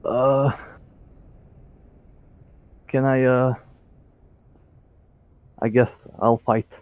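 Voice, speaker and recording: A man's voice: mid-range voice, little pitch movement, extremely slow, dry recording, phone-quality sound. A man playing a tabletop game who talks hesitantly, stammering with many fillers. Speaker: player. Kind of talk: tabletop role-play chat.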